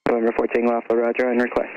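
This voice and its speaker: A man rattles off clipped ground-control instructions at a quick pace. His voice comes through a dull, band-limited aviation radio. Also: mid-range voice, completely flat delivery. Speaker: air traffic ground controller.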